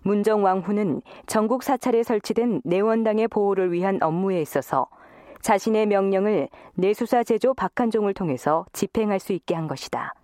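A speaker reading a scholarly passage aloud in an even, formal way. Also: mid-range voice, fairly quick, no echo, clean studio sound.

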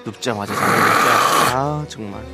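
A man voicing a timid, quick-tempered middle-aged wife in a comic radio skit, fussing and exclaiming. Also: on the low side, over loud music, voice pushed down. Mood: frightened. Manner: fussy, exclaiming, then snapping.

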